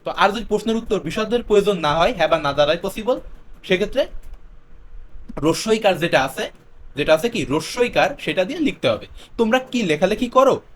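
A man teaching a grammar lesson. He explains step by step, slips English words in, and repeats his example sentences slowly. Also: sits high, lively intonation, a little hiss or hum.

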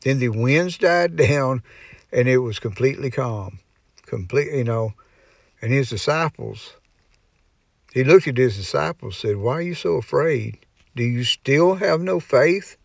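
A man giving an informal Bible teaching in a folksy, rambling way, often pausing with "you know" and restarting his sentences. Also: mid-range voice, lively intonation, creaky, dry recording. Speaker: preacher.

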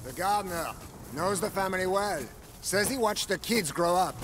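A man's voice: high voice, normal speed, fairly bright tone. An actor playing a brusque male soldier guard in a video game, heard over ambient noise. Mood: reporting.

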